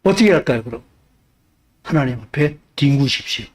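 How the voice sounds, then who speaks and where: A male pastor preaching a sermon, pressing the congregation with rhetorical questions and swinging between loud urging and hushed speech. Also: medium pitch, expressive, fairly quick.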